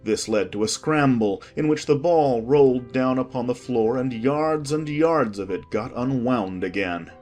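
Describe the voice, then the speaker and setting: A man narrating a children's audiobook in an expressive, measured storytelling manner. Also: medium pitch, faint music behind.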